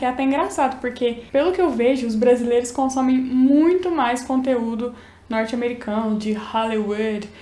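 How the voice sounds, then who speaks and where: Young Minas-accented woman, teacher vlog, higher voice, echoey room. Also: mellow. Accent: Minas Gerais Brazilian Portuguese. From Minas Gerais, Brazil. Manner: chatty, explains and demonstrates pronunciations. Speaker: English teacher.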